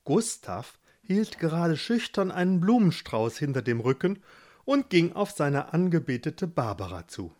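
A man narrating a fairy tale in a playful, expressive way. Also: fairly high pitch, measured pace. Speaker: storyteller.

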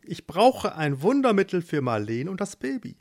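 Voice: mid-range voice, very animated, normal speed, darkish tone, pitched above the performer's own voice. A storyteller voicing a worried, timid working man who speaks in an anxious, pleading way, for a children's storybook. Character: worried, timid male worker.

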